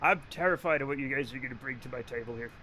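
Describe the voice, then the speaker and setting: A man's voice: mid-range voice, fast, bright, forceful tone, a little hiss or hum. A man from Rhode Island chatting casually on a live game stream, rambling, joking, cursing freely and laughing often. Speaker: livestreamer. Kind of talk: casual live-stream chat while gaming.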